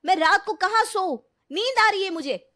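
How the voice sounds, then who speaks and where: A woman voicing a spoiled, demanding young bride in a cartoon who complains in a shrill way. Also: expressive, normal speed, dry recording, studio quality. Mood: whiny complaining. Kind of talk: cartoon voice acting.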